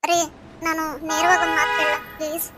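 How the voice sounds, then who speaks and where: A woman's voice: very high-pitched, little pitch movement, fast, over loud music. A woman voicing a young orphaned wife in a cartoon story, pleading and full of questions. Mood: questioning.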